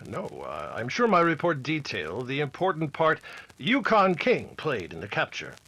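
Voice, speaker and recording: A man playing a dutiful, deferential Mountie sergeant in a 1950s-style radio drama, husky and hesitant before his superior. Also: fairly high pitch, huge pitch swings, moderate pace, sharp tone, full character voice, rough recording. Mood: uneasy, respectful.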